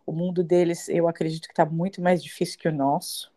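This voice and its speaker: A woman's voice: fairly low pitch, little pitch movement, a little fast. A woman, a mother, co-hosting a casual podcast, agreeing often and sharing reflections. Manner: agreeable, warm affirmations, earnest reflections as a mother. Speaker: podcast co-host. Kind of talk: casual chat.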